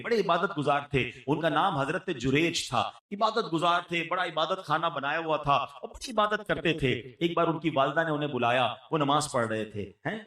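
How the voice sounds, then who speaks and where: A man preaching a sermon in an earnest, exhorting way, swinging between raised and hushed delivery. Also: on the high side, recorded from a distance. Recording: echoey room, voice off the mic.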